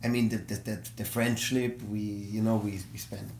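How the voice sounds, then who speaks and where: A low-voiced man from Austria whose first language is German hosts a casual podcast chat. He talks eagerly, often restarting phrases as he hunts for the right word. The room around him is echoey, with a faint hum in the background. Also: little pitch movement, moderate pace, vocal fry, a little mellow. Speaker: host.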